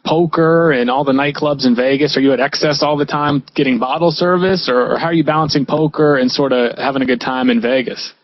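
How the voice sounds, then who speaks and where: A man hosting a radio show, firing off quick stacked questions to his guest. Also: medium pitch, fairly even intonation, no echo. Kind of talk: interview questions. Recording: dry dull radio sound.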